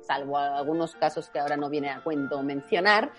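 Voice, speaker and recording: A woman's voice: deep voice, a little fast, a bit bright, soft background music. A woman from Spain who patiently explains spelling rules step by step in a casual chat. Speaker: spelling quiz guest expert.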